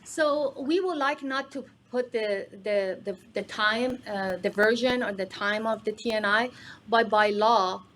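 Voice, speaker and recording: A woman answering questions at a public meeting, halting and full of fillers and restarts. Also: on the high side, a bit bright, a little hiss or hum, rough recording. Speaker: agency staff answering questions.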